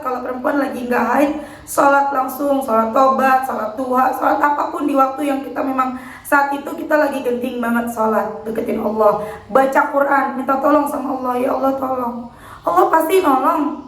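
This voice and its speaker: A woman's voice: sits high, reverberant, rough recording. A woman giving an earnest religious motivational talk, repeating her exhortations and addressing viewers as friends. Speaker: motivational speaker.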